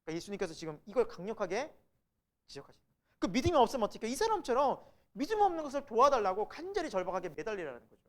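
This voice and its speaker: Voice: mid-range voice, very fast. A preacher giving a Bible lecture in a church, asking the congregation questions and answering them, and acting out the people quoted. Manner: acts out the quoted speakers in lively voices. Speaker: preacher teaching a Bible class.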